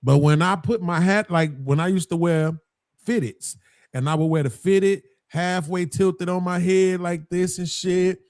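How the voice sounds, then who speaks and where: Rambling cussing guy hosting a podcast, voice a bit high, dry close sound. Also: fairly even intonation, a little slow, darkish tone, dry recording. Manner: profane, rambling, laughs often. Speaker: podcast host. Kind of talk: casual chat.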